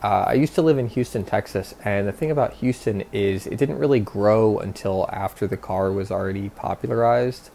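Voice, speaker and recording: A male caller from West Virginia with a fairly low voice full of vocal fry. He sets out his question for the show in measured, orderly phrases. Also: warm tone, slight background noise. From West Virginia, United States. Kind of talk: prepared listener question.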